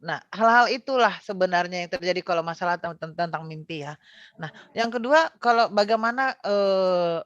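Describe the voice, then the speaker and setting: A middle-aged Indonesian woman, appearing as a guest, casually recounts a personal experience, full of fillers and self-corrections. Her voice is lowish and her pace moderate. The recording is lo-fi, with no room sound.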